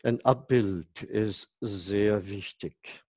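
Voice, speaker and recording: Halting male preacher. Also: on the low side, no echo. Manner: halting, searching for German words, self-interrupting; asks listeners rhetorical questions. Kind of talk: conversational sermon to congregation.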